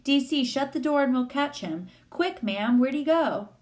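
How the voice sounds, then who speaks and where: A woman's voice: mid-range voice, measured pace, close to an everyday voice. A woman voicing a small, eager and courteous schoolboy with a folksy rural Southern US accent in a story. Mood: urgent. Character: small eager schoolboy, polite, gallant and protective.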